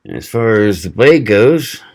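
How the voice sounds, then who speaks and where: A middle-aged man from the American South talks through a knife test in a casual, folksy vlog. His voice sits low and unhurried as he thinks aloud between cuts. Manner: relaxed, folksy, thinking aloud while cutting. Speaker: knife reviewer.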